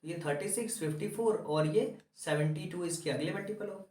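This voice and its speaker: A man's voice: sits high, fairly quick, a little mellow, roomy sound, far from the mic. A man teaching a maths lesson, asking the class questions and answering them himself.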